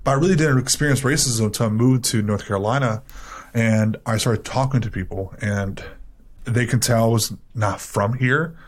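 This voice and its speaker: A man's voice: mid-range voice, moderate pace. A young man from Miami co-hosting a podcast, telling stories in a rambling way with lots of filler words. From Miami, Florida. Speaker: podcast co-host. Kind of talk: casual podcast chat.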